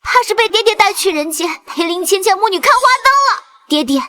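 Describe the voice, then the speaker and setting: A woman's voice: very high voice, animated, fairly quick, pushed and bright, full character voice. A young woman playing a defiant daughter of an immortal sect, speaking sharply and scornfully. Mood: defiant scorn. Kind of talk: dubbed costume drama acting.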